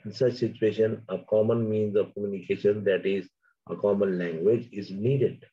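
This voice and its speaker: A man's voice: lowish voice, slightly rough, dull audio. A man whose first language is Urdu, giving an academic linguistics lecture. He reads from his notes, then explains in plain asides.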